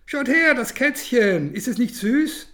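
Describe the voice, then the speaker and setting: A man reading a storybook and voicing a gushing, possessive little girl in a high voice. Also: sing-song, normal speed.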